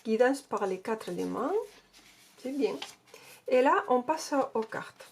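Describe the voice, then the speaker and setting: A woman's voice: fairly high pitch, animated, takes it slowly, creaky, a little hiss or hum. A woman casually reviewing an oracle card deck and reading out card texts, hesitating often. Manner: hesitant, with many fillers and restarts; reads card text aloud.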